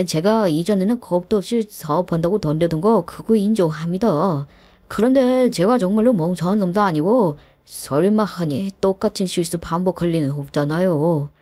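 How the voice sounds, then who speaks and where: A woman's voice: lowish voice, moderate pace, warm tone, no echo, natural voice. A woman voicing a pushy, business-obsessed son-in-law who talks in a whiny, coaxing way. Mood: pleading.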